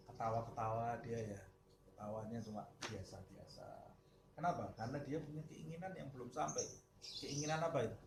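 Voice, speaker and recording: A male preacher giving a conversational religious lecture, telling stories and asking rhetorical questions. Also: medium pitch. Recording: roomy with background noise.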